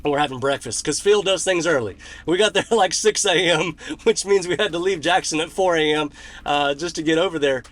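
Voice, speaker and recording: A man's voice: a little high, a little fast. Earnest man telling a story. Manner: earnest, folksy, animated when retelling. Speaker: country music vlogger. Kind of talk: casual storytelling to camera.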